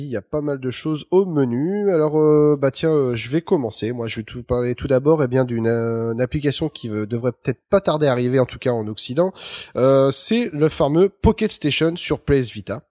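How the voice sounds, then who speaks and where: A man's voice: medium pitch, animated, fairly quick, a little mellow, dry recording, clean studio sound. Rambling man hosting a podcast. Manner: loose, rambling, many fillers and restarts. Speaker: podcast host. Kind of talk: casual podcast chat.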